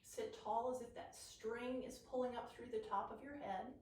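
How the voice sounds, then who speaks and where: A woman's voice: a little high, fairly even intonation, moderate pace, darkish tone. A woman working as an aerobics instructor, leading a follow-along workout by cueing and counting out moves in an encouraging way. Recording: echoey room, distant mic.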